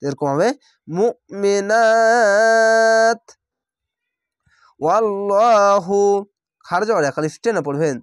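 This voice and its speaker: A man teaching Quran reading, spelling out each word and drawing it out slowly, then explaining the rules at a quicker clip in Bangladeshi Bengali. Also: on the high side, no echo, clean studio sound. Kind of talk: spelled-out Quran recitation lesson.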